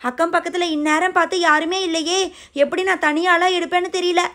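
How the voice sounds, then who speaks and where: A woman's voice: very high voice, little pitch movement, a little fast, a bit bright. A woman voicing a flustered mother fretting over her trapped boys in a doll video. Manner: fretful, exclaiming.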